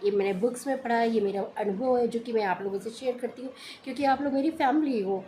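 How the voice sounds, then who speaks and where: A woman's voice: on the high side, quick pace, warm tone, slight background noise. A middle-aged woman vlogging casually from home, homely and chatty, now and then lecturing. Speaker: family vlogger. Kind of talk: casual vlog chat.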